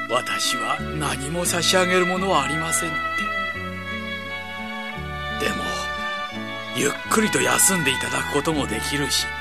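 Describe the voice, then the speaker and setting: An actor playing a humble, devout old cobbler who muses aloud to himself in a radio drama. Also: male voice, fairly high pitch, vocal fry.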